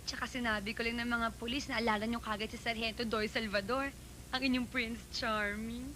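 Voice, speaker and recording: A polite, frank young woman in a film. She speaks in a high, bright voice. Faint ambience runs behind her. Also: steady tone, a little fast, a little hiss or hum. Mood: concerned.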